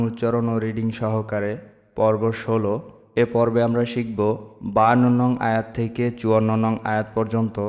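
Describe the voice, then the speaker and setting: A man teaching Quran reading, spelling out letters and vowel marks slowly and then chanting the words drawn out. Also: fairly low pitch, darkish tone, long reverb tail. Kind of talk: slow spelled-out Quran recitation lesson.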